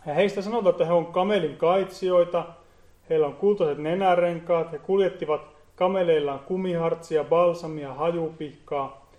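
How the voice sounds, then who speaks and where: A man giving an earnest Bible teaching, often pausing and repeating words as he explains. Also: a little high, steady tone, a little mellow, roomy sound. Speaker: preacher.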